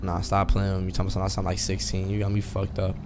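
A young adult man from California, his voice sitting low and completely flat, talks fast over music. He's chatting casually in slang while in character during online role-play, playfully argumentative and repeating himself. The game voice chat comes through a noisy headset with background noise.

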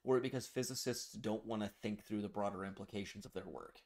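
A man's voice: on the low side, brisk, darkish tone. A man co-hosting a podcast in casual chat about a book, rambling with self-deprecating, profane humor. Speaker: podcast co-host.

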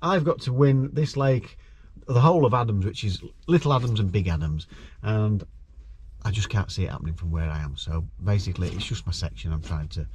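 A man's voice: lowish voice, a little fast, darkish tone, a little hiss or hum. A middle-aged man, talking casually to camera outdoors beside a lake, chatting through his plans. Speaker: angler vlogger.

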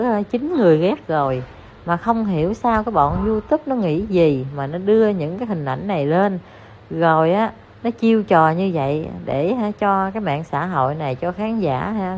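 A woman's voice: fairly low pitch, a little mellow. Chatty Southern Vietnamese woman, lo-fi. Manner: chatty, scolding, addresses listeners as aunts and uncles. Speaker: online commentator. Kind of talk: casual gossip commentary to viewers. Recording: dull lo-fi recording with faint noise.

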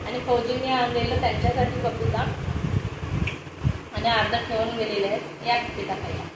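A woman's voice: on the high side, fairly even intonation, moderate pace. A young woman and mother chatting casually to viewers as she cooks in her home kitchen. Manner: chatty, talks straight to viewers. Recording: echoey room with faint noise.

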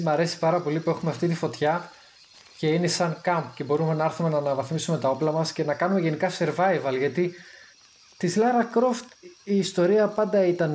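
A man giving casual gameplay commentary, chatty and excitable, thinking aloud as he plays. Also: a little high, a little hiss or hum. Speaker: gamer streaming his play.

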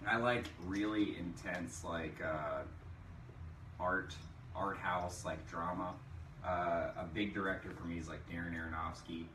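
A man's voice: low voice, fairly even intonation, unhurried, a crowd in the background. A man chatting casually on a band livestream, laid-back with hesitant fillers. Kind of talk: casual chat. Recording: noisy echoey room, far from mic.

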